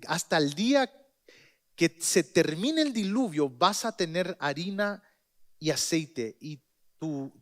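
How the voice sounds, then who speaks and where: A man voicing a calm prophet who speaks in a hushed, solemn, reassuring way. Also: fairly high pitch.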